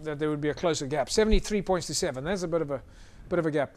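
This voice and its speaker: A man's voice: on the high side, rapid-fire, darkish tone. A South African man hosting a live rugby show, presenting casually in a chatty, hesitant way.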